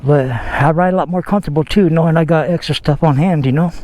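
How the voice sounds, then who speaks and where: A man's voice: fairly high pitch, fast, darkish tone. A man casually vlogging about his scooter outdoors, rambling in a folksy way with fillers and self-corrections. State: out of breath. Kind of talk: casual vlog talk.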